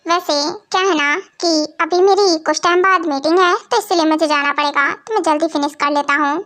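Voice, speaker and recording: A woman's voice: very high voice, fairly quick, fairly bright tone. A woman voicing a brash, cocky young gangster husband in a fan-dubbed audio story, talking in a teasing, smug way.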